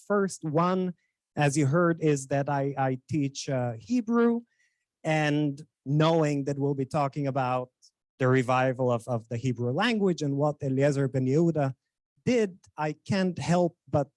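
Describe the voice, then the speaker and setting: Man, fairly high voice, hesitant formal introducer, dry sound. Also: a little mellow, no room sound. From Bulgaria. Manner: hesitant, with frequent fillers and restarts. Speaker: Hebrew instructor introducing a guest speaker.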